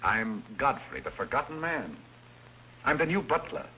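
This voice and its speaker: An actor playing a courteous, unflappable butler, trading 1930s screwball comedy banter with polite deadpan understatement. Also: male voice, mid-range voice, normal speed, slight background noise, natural voice. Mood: gentle, polite. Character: courteous, dryly amused new butler, unflappable. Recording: thin tinny old film soundtrack, music behind.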